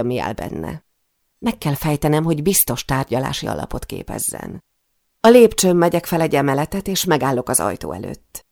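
A woman's voice: low voice, gravelly, a little mellow, no echo, clean studio sound. A woman narrating a first-person novel in a tense, intimate storytelling manner. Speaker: audiobook narrator.

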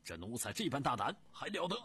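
A man voicing a hot-headed prince who protests loudly and indignantly. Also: low voice, sing-song, moderate pace, husky, full character voice. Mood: furious. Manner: loud, indignant. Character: hot-headed middle-aged prince, blustering.

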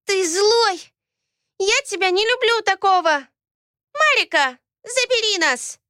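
A woman voicing a small, defiant twin girl with a high childlike voice in an audiobook. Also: measured pace, dry recording, studio quality, exaggerated voice. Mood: upset. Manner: high childlike voice, loud and tearful.

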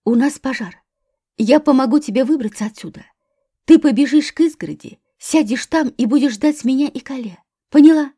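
A woman's voice: high-pitched, normal speed, warm tone, husky. A woman voicing a terrified young mother giving urgent commands to her children during a house fire. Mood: frantic.

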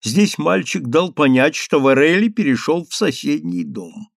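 A man giving a steady, dramatic audiobook narration. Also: fairly high pitch, a little slow, creaky, dry recording, studio quality. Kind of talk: scripted narration.

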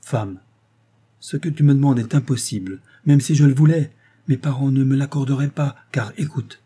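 A man's voice: mid-range voice, normal speed, mellow, husky, close to an everyday voice. A man voicing a troubled young husband in an audiobook reading, with anxious, urgent questioning.

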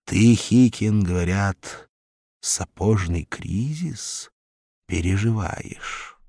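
A sly dream wizard, played by a man in an unhurried, coaxing voice that stretches its words. The recording is close and dry, like a storybook reading. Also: on the low side, warm tone, slightly rough, dry recording, full character voice. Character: sly male stranger who claims to be a wizard.

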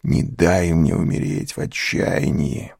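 A man's voice: sits low, lively intonation, takes it slowly, creaky, darkish tone, slightly rough, dry recording, studio quality, exaggerated voice. A man reading aloud voices a desperate young sailor locked in prison, crying out in anguished, imploring tones. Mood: despairing.

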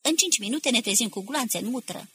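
A woman's voice: animated, bright, forceful tone, husky, full character voice. A woman reading aloud, voicing a grim male officer who mutters warnings under his breath. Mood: grim, low. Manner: low-voiced, grim.

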